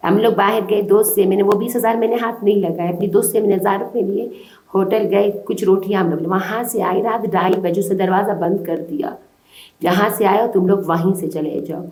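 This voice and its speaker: A woman's voice: medium pitch, darkish tone. A woman from Balochistan in Pakistan, giving urgent, distressed testimony to a reporter. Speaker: interviewee. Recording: roomy echo.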